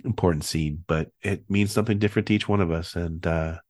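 A man's voice: sits low, steady tone, fairly quick, a little mellow, no echo, studio quality. A man hosting a casual podcast, sounding nasal and stuffed up with a head cold. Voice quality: nasal, congested voice. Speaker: podcast host.

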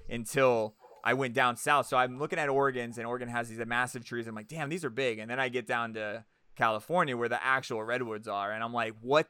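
A man's voice: medium pitch, steady tone, brisk, hardly any pauses, sharp tone, smooth, no echo. A man chatting casually as a podcast host, talking like a hyped, sweary frat bro full of slang.

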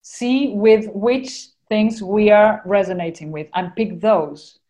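A woman with an Argentinian accent speaks slowly in a mellow, medium-pitched voice. She's a podcast guest talking casually and earnestly about her spiritual life, rambling a bit and sprinkling in "you know."

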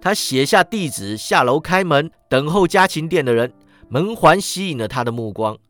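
Lively high-voiced male storyteller. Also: moderate pace, no room sound, soft background music. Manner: lively, expressive reading. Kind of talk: storytelling podcast narration.

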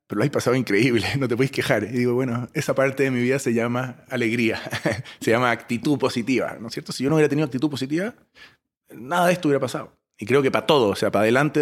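A man from Chile, a startup founder in his forties, telling stories as an interview guest with an expressive delivery that swings between loud bursts and soft asides. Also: mid-range voice. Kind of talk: animated storytelling interview.

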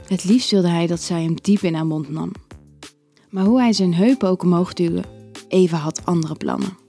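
A woman narrating an erotic audio story in a calm, even storytelling manner. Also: lowish voice, gravelly.

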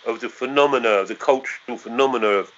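In this oral history interview, a sixties-aged Londoner looks back on the past, pausing thoughtfully and returning to hedge what he's said. He has a medium-pitched, slightly bright voice and talks fast, though the audio is dull.

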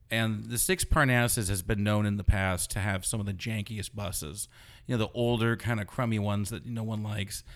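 A man, a blogger being interviewed, telling a story in a casual, rambling way and filling it with "you know". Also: on the low side. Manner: rambling, animated retelling full of "you know". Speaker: blogger guest.

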